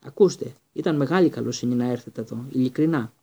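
A man doing a drunk, gloomy giant gamekeeper in a storybook reading. The voice is dark and hoarse, with a husky edge, and stays in a miserable, self-blaming tone. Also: medium pitch.

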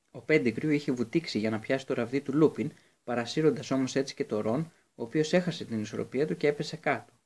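A man narrating an audiobook in a steady reading voice, with occasional slips and restarts. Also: mid-range voice.

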